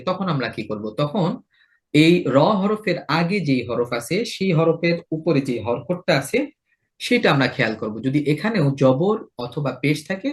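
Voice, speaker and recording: A man with a Bangladeshi Bengali accent teaching a tajweed lesson. He explains pronunciation rules step by step and chants the example words slowly. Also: on the high side. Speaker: Quran recitation teacher.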